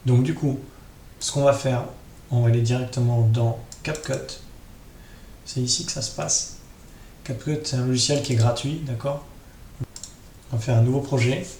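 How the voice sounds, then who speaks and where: In an echoey room with noticeable background noise, a tutorial host with a medium-pitched, slightly mellow voice explains a screen-share process step by step, speaking informally and directly to his audience.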